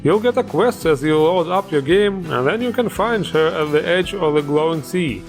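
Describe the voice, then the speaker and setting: A man's voice: fairly high pitch, animated, moderate pace, soft background music. A man hosting a game mod showcase, upbeat and joking, with plenty of enthusiasm. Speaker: host.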